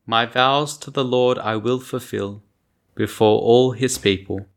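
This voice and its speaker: Male church lector, formal and measured, for scripture readings and psalm verses at Mass. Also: medium pitch.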